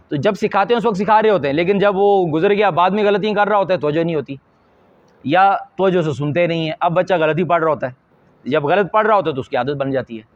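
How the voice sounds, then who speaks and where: A man, a Quran teacher from Pakistan, explains pronunciation mistakes to teachers in an earnest, deliberate instructional talk. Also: fairly high pitch, no echo. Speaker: Quran teacher and madrasa supervisor. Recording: slightly dull lo-fi audio.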